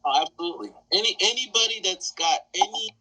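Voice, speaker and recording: A man's voice: sits high, lively intonation, fast, bright, forceful tone, breathy edge, low-quality recording. A man in a casual roundtable chat, earnest, restarting words as he builds his point.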